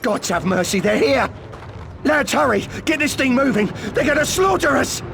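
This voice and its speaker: Frantic soldier yelling, gravelly, noisy roomy and far off. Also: male voice, extremely high pitch, expressive, normal speed, heavily acted. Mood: panicked. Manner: frantic shouting. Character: panicking male imperial soldier.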